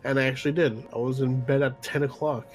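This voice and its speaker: A man's voice: mid-range voice, fairly even intonation, fast, faint music behind. A man, co-hosting a casual podcast chat in an easygoing way. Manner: easygoing, laid-back. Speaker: podcast co-host.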